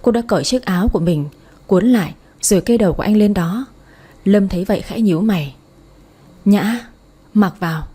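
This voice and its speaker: A woman reading a romance story aloud in scripted narration, soft and emotive. Her voice is mellow and warm with a breathy, slightly husky texture. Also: mid-range voice, fast. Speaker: audiobook narrator.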